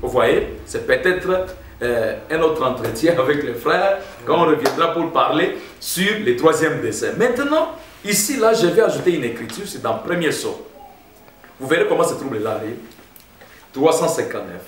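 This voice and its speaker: A man's voice: mid-range voice, lively intonation, moderate pace, slight background noise. A man preaching a sermon as pastor, emphatic and addressing the congregation as brothers. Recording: roomy echo, heard from a distance.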